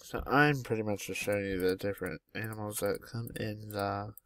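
A man's voice: fairly low pitch, steady tone, moderate pace, a bit bright, dry recording. A young man at home casually commenting on a game mod, chatty and easily delighted as he names each animal that appears. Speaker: gaming YouTuber.

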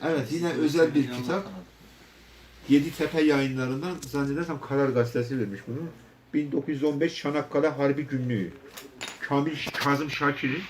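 Man as small-sale auctioneer, mid-pitched, informal bid calling, slightly noisy recording with clicks. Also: steady tone, a little fast. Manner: auctioneer calling out bids and counting down sales. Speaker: secondhand bookseller acting as auctioneer. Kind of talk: informal live book auction. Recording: clear background noise, clicks.

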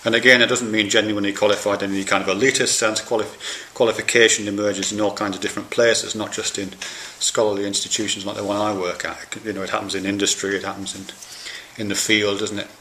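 A man's voice: on the low side, level tone, quick pace, sharp tone. A man, an academic lecturer, reading out points and explaining them informally with fillers and restarts. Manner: reads points aloud then explains casually, with fillers. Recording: echoey room with faint noise.

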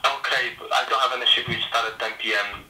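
A man's voice: mid-range voice, steady tone, quick pace, sharp tone. Male worker on the phone, sceptical questioner, coming through a speakerphone in an echoey room. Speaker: fast-food worker answering the phone. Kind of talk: phone conversation. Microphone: phone speaker picked up by camera.

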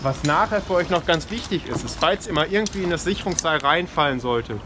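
A man's voice: on the high side, animated, fairly quick. A man gives an informal, explanatory safety briefing as a climbing instructor. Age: 20s. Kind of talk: spoken safety briefing with demonstration. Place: outdoors in a forest ropes course. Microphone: camera mic a few steps away. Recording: clear outdoor noise, passing vehicles, clinking gear.

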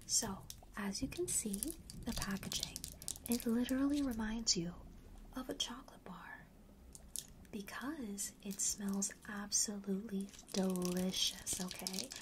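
Here a woman's medium-pitched whisper, breathy and largely unvoiced, plays out a casual ASMR scene over a noisy background. As a friendly witchy perfume seller, she persuades a single customer with chatty, coaxing talk and regular check-ins.

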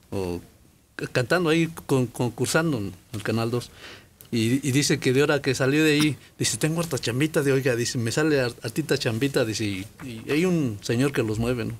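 A man with a Mexican Spanish accent, hosting a radio show, telling a story in a rambling, animated way. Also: medium pitch, slight background noise. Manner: rambling, animated retelling with restarts. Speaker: radio host. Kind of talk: casual radio chat, storytelling.

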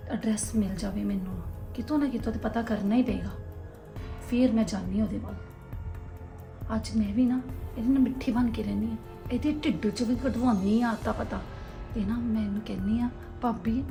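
A woman's voice: on the high side, dark tone, lightly acted. A woman with a Punjabi accent acting a sly, wheedling younger sister-in-law in an amateur family drama. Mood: mock sadness.

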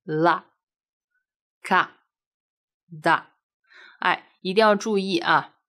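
A woman teaching a recorded language lesson, patiently explaining step by step and drilling syllables aloud slowly, with many rhetorical questions. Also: sits low, fairly bright tone.

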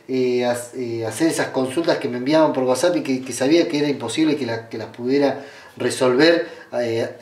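A man with an Argentine accent guiding viewers step by step through a ritual in an unhurried, hesitant way, with many fillers and restarts. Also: medium pitch, a little mellow. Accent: Argentine Spanish. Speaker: spiritual ritual guide. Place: small indoor room at a red-draped altar table. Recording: roomy, distant camera sound.

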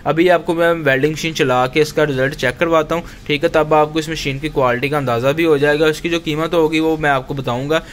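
A somewhat high-voiced man walks viewers through a product demo as a shopkeeper, talking casually and peppering his speech with little agreement fillers. He is recorded on a camera mic indoors in a tool shop, with faint noise in the background. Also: fairly even intonation, fairly quick, few pauses. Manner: conversational, repeats "theek hai" as a filler. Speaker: shopkeeper reviewing machines.

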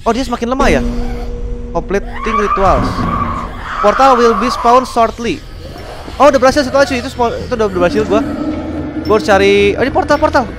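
A young man giving excitable, slangy let's-play commentary as a gaming YouTuber, reading game text aloud. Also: extremely high pitch, a little fast, pauses often. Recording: music playing behind.

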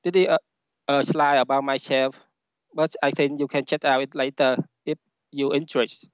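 A man with a Vietnamese accent, a native Vietnamese speaker, giving a halting technical presentation over a headset on an online call. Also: mid-range voice, little pitch movement, clear, resonant tone, no room sound. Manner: halting, with repeated words. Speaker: conference speaker, software engineer. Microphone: headset on a video call. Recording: dull, lo-fi online call audio.

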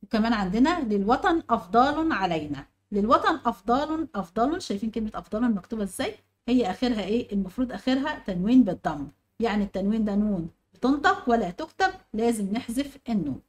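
A young Egyptian woman leads an online grammar lesson at a fast clip. Her voice sits a little high. She asks her pupils questions and answers them as she goes. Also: expressive, a little mellow. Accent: Egyptian Arabic. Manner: explains step by step, quizzing pupils. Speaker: teacher.

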